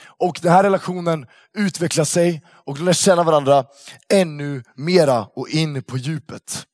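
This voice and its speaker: Young male youth speaker with a lightly raised voice, lively and slangy storytelling, dry recording. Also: fairly high pitch, no room sound. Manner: animated storyteller, slangy with lots of fillers. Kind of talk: casual storytelling talk to young people.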